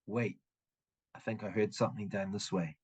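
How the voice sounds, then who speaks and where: A man's voice: on the low side, steady tone, normal speed, darkish tone, husky, no room sound. A man voicing an unseen cave creature that talks in Draconic, relaying its words loosely as the narrator.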